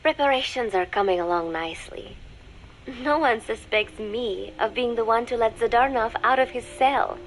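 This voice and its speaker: A woman voicing a young female spy who poses as a sweet teenage student, narrating a diary in a cool, measured, quietly sardonic way. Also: on the high side, noisy background, close to an everyday voice. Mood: calm.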